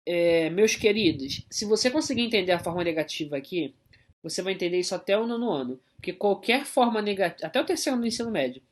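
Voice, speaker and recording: A man's voice: sits high, animated, fast. A man with a Brazilian Portuguese accent, an English teacher giving a recorded grammar lesson to schoolchildren, explaining patiently and checking in often.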